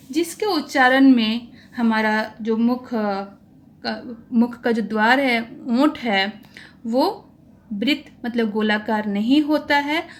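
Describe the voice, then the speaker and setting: A woman teaching a grammar lesson to exam students, explaining patiently and saying each vowel sound aloud for listeners to repeat. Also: fairly high pitch.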